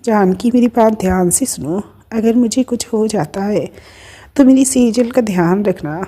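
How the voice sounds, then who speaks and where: A woman's voice: medium pitch, a little slow, breathy edge. Sunanda, a woman voicing a tearful ailing mother. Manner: soft, tearful pleading. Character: gravely ill mother, tearful and pleading.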